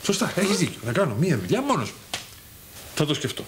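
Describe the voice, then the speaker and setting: A man with a Cypriot Greek accent playing a lazy, easygoing father who loves fishing, grumbling in a deadpan way. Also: a little high, a little hiss or hum. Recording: sitcom audio with music underneath.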